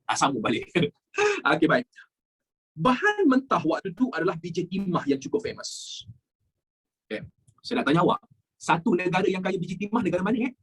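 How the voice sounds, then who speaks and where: A Malaysian woman teaches history in a husky, slightly breathy voice. She quizzes her class in a lively way, mixing English words into her explanations. Her pitch sits in an ordinary middle range. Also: normal speed, long pauses. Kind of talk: exam practice lesson.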